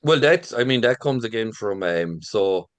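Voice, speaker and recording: Irish man, middle-aged, deep voice, lilting informal storyteller delivery, very dry sound. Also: expressive, moderate pace, no room sound. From rural Ireland. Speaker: visitor centre manager and local folklore storyteller.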